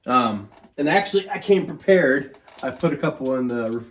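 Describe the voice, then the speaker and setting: A young man with a hoarse voice, sick with a cold, hosting a casual whiskey review in a relaxed, chatty way. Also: medium pitch, moderate pace. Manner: chatty, laid-back, says "stinking" and "um" a lot. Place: home man cave, indoors.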